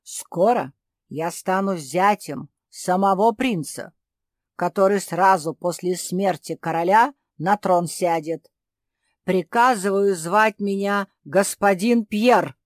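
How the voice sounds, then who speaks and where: A woman voicing a pompous, bullying male dog father who shouts harshly. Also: medium pitch, takes it slowly, dry recording, clean studio sound, natural voice. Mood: angry.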